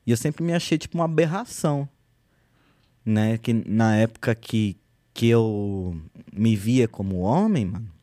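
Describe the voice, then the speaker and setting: A man in his thirties, a guest artist in a relaxed podcast chat, telling his story with slang and lively quoted speech. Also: fairly low pitch, unhurried, no echo, studio quality. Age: 30s.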